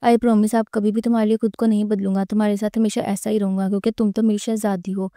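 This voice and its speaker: Brief: woman voices a pleading, possessive young husband, dark mellow tone, flat delivery. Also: medium pitch, no room sound, studio quality, natural voice. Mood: tender.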